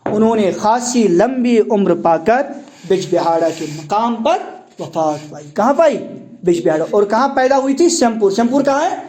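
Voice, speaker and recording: A man's voice: high-pitched, expressive, darkish tone. A man teaching a class, explaining word meanings and quizzing students with questions. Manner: asks the class questions and repeats key words; explains word meanings, mixing in English terms. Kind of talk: classroom lecture explaining a text.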